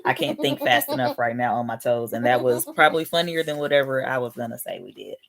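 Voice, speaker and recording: A woman's voice: rumbling low, big pitch swings, quick pace, creaky, crowd noise. A woman in her thirties chatting casually as host of a family card game, rambling and thinking aloud in slangy speech. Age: 30s. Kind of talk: casual chat.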